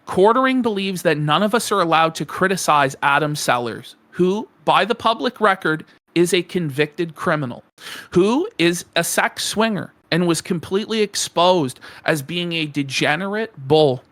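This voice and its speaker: A podcast co-host with a high-pitched voice rants in heated commentary. His tone is bright and cutting, and the talk is angry and full of profanity. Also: lively intonation, normal speed. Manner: angry ranting, profane, builds to shouting.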